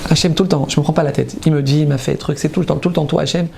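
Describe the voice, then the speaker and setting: A man who is a rabbi preaching a passionate sermon, repeating himself for emphasis and swinging from loud exclamations to low murmurs. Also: fairly even intonation, rapid-fire, vocal fry, slightly rough. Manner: emphatic and repetitive, often calling out to listeners. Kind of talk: impassioned sermon.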